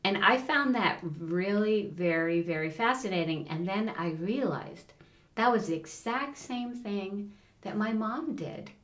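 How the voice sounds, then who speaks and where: A woman's voice: medium pitch, a little slow, reverberant. A middle-aged woman co-hosting a podcast, chatting casually and acting out the people in her stories. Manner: animated storyteller, acts out voices in anecdotes. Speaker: podcast co-host. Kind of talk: casual chat.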